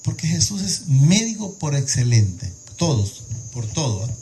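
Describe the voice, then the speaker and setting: A male preacher with a fairly high voice delivers a sermon. He reads scripture aloud and breaks off to explain it, asking his listeners rhetorical questions. His speech is full of repeated words and restarts as he searches for the right phrase. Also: big pitch swings, unhurried, noisy background.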